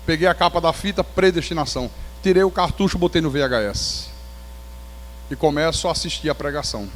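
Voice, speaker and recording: A Brazilian man preaching as a pastor, telling his testimony in an animated storytelling way with touches of humor. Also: fairly high pitch, fairly quick, long reverb tail, a little hiss or hum. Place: church sanctuary.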